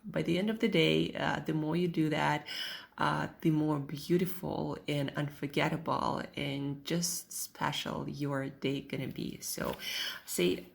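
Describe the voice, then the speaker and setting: A woman with a Russian accent giving a casual motivational talk to viewers, haltingly, repeating phrases for emphasis. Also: deep voice, creaky. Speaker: host, self-help coach.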